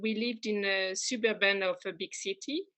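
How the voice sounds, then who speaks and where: Bright-voiced French woman, hesitant speech. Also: mid-range voice, normal speed. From France. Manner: hesitant, many fillers and restarts, warm laughs. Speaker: interview guest. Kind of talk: casual conversational interview.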